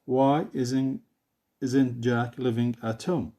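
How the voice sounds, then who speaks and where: Saudi accented guy teaching english, slow and careful, lots of uh, says everything twice, arabic is his first language. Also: medium pitch, fairly even intonation, dark tone. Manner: hesitant, many uh fillers, repeats each phrase. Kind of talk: classroom English lesson.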